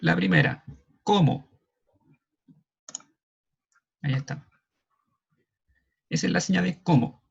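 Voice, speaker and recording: Gravelly-voiced Chilean man teaching online. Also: fairly high pitch. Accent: Chilean Spanish. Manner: checks in often with a questioning "ya". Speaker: sign language class moderator. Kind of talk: online class explanation. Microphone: video call. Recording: dull lo-fi video call audio.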